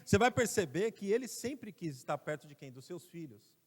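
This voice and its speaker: A high-pitched Brazilian man preaches a sermon with strong emphasis, stopping to have the congregation repeat lines back to him. His voice rings out with a long reverb from the church hall around him. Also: very animated, brisk, husky. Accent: Brazilian Portuguese. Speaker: pastor. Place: church sanctuary.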